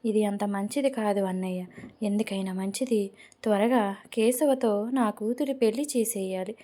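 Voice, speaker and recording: A woman's voice: medium pitch, normal speed, mellow, close to an everyday voice. A woman voicing an anxious mother pressing for her daughter's marriage in an audio novel. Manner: anxious, urgent.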